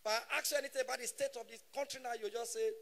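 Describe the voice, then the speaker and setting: A man in his thirties doing stand-up comedy with a Nigerian Pidgin English accent, animated and shouting his punchlines. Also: very high-pitched, rapid-fire, vocal fry. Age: 30s.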